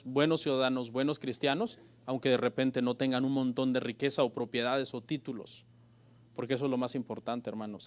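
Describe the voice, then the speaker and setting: A man preaching a church sermon as pastor, often calling his listeners brothers and moving between loud emphatic peaks and quiet asides. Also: medium pitch. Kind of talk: Spanish-language church sermon.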